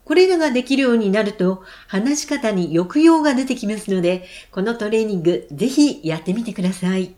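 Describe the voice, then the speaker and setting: A woman leading vocal exercises, giving calm, clear and encouraging instructions. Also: medium pitch, fairly quick, few pauses. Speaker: voice trainer.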